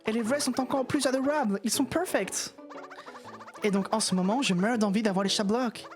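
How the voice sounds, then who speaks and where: A woman's voice: mid-range voice, moderate pace, faint music behind, natural voice. A woman voicing a snooty male block collector from a video game, speaking French sprinkled with mock-posh English words. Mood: dreamy, pleading. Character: snooty male block collector, impatient boss of Bowser's world. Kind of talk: reading game dialogue aloud in voices.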